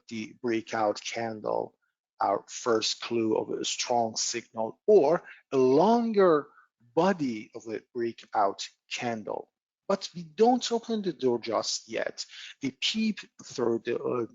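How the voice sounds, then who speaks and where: Man presenter, unhurried, lots of "uh", dry lo-fi mic. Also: medium pitch, creaky, no echo. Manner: frequent "uh" fillers, rhetorical questions. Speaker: trading webinar presenter. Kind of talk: webinar lesson, partly read script.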